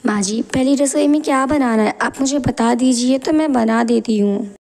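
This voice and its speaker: Cartoon bride, young, obedient and gentle, slightly high gravelly voice, by a woman. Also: normal speed. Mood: meek. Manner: gentle, polite.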